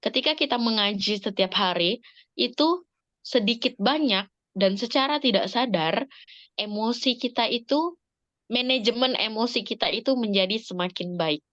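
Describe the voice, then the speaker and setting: A woman speaking to parents in an Islamic study talk, lively and expressive, acting out examples with sudden rises in pitch. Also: normal speed, no echo, dull audio. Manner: lively, dramatic shifts in pitch, acts out examples.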